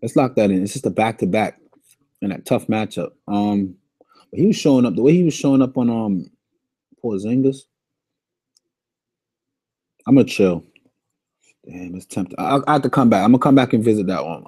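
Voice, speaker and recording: Man, low-pitched, casual sports analysis, repeats himself, dry recording. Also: warm tone, dry recording. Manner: chatty, thinks aloud, repeats himself. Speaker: daily fantasy sports analyst. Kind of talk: casual player breakdown.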